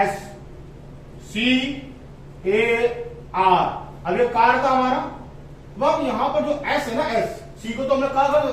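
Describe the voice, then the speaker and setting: A man with a very high voice teaches phonics, slowly drawing out each letter and word and stressing the vowel sounds. He's far from the microphone in a strongly echoing room, with faint ambient noise behind him.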